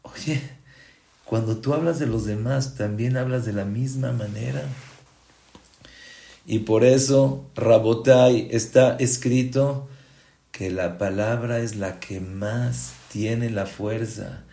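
A man gives a sermon as a rabbi, with a voice of ordinary pitch. He tells stories and acts out both sides of conversations, jumping high when he quotes someone. Hebrew religious terms run through his speech, and the room sounds echoey. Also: steady tone, slow pace, creaky, warm tone. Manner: storytelling, acts out dialogue with big pitch swings. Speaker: rabbi teaching a class.

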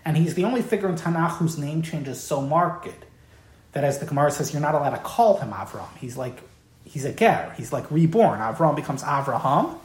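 A woman's voice: low-pitched, animated, a little fast, a little mellow. A woman giving an evening Torah lecture in an emphatic, impassioned way, often repeating key words. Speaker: Torah teacher. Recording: roomy, echoey room.

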